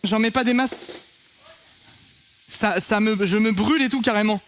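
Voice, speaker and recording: A man's voice: high-pitched, normal speed, fairly bright tone, a little hiss or hum. A young man chatting casually to viewers while cooking in his home kitchen, swearing now and then. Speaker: streamer cooking on stream. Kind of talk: casual live cooking chat.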